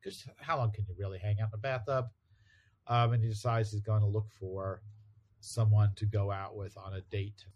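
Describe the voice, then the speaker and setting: Laid-back man recapping comics, low voice. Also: normal speed, muffled recording. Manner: relaxed, laughs often, recaps by paraphrasing. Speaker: podcast co-host recapping comics. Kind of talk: casual chat.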